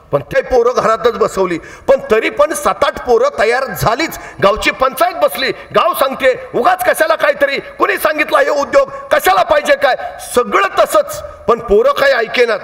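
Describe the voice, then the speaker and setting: A male orator giving a motivational public lecture full of storytelling, dramatic and swinging between hushed and shouted emphasis. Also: extremely high pitch. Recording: echoey hall.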